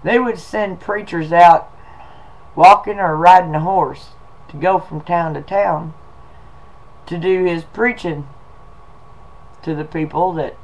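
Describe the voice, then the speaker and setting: Slow, folksy sounding man. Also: a little high, low-quality recording. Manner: folksy, slow, drawling delivery with y'all and 'em. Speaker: video blogger. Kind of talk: casual reading and storytelling.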